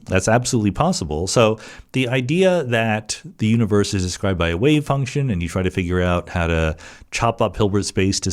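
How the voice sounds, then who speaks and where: In a solo Q&A podcast, a middle-aged man with a deep, darkish voice answers listener questions conversationally, thinking aloud with lots of fillers and restarts.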